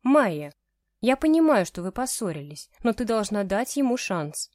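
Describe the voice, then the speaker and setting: A woman voicing a fussing, affectionate middle-aged mother in a romance audiobook. She speaks warmly to her daughter. The recording is dry and close. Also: medium pitch, sing-song, normal speed, no room sound, natural voice.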